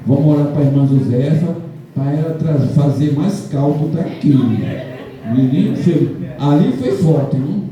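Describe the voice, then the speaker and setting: A Brazilian pastor talks in a relaxed, joking way, laughing often. His voice is fairly high but dark and mellow. It comes from off the mic, echoing around a church hall. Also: measured pace. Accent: Brazilian Portuguese. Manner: jokey, chatty, laughs often. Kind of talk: casual church talk. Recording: echoey hall, mic from far off.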